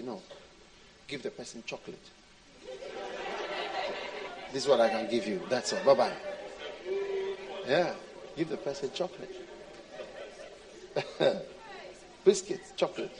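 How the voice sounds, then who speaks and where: Speaking straight to his congregation, a man from Switzerland gives a conversational sermon with anecdotes and jokes, repeating phrases for emphasis. His voice is mid-range. The audio is poor, with live audience sound behind him.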